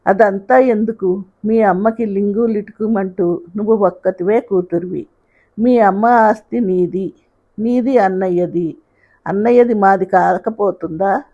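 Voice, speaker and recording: A woman voicing a demanding young sister-in-law who complains loudly in a storybook reading. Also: mid-range voice, a little slow, lightly acted. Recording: dull lo-fi sound.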